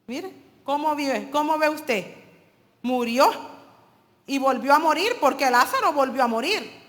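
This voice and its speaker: A woman's voice: high-pitched, lively intonation, a little slow, a bit bright, in a large hall. A woman preacher delivering an emphatic sermon and calling her listeners brothers.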